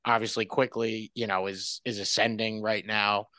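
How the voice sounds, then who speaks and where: Low-voiced guy rambling casually on a sports podcast, lots of restarts, dry sound. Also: moderate pace, no room sound. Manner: relaxed, rambling with frequent restarts. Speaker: guest sportswriter.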